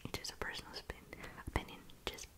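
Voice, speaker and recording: A young adult woman, an ASMR creator, whispers fast and casually in a soft, unvoiced, gentle rather than aggressive way. She's in a small indoor room, with her mouth very close to a large foam-covered microphone.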